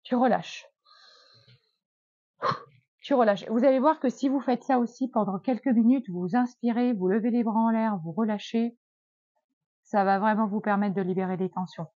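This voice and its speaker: A woman giving a gentle, encouraging self-help talk as a wellness coach, with many hesitant fillers. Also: on the high side, fairly quick, no echo, dull audio.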